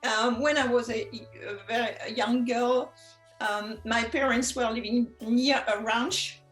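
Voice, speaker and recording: A woman from France with a French accent, speaking English as a guest in a casual interview, talking slowly with many pauses and soft laughs. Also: on the high side, fairly even intonation, soft background music. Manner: slow, halting, many ums, soft laughs. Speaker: guest artist. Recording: echoey room.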